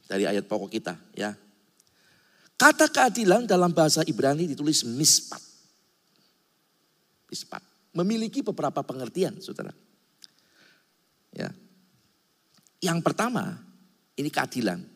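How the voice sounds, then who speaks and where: A man's voice: a little high, huge pitch swings, moderate pace, pauses often, husky. A male pastor preaching a sermon in a church hall, speaking emphatically and often calling his listeners brothers and sisters. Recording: long hall reverb.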